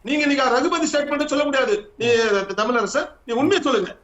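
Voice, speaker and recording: A man's voice: very high voice, quick pace. A man arguing insistently as a party spokesman in a heated TV debate, repeating his points. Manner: forceful, insistent, repeats himself. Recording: echoey, slightly dull audio.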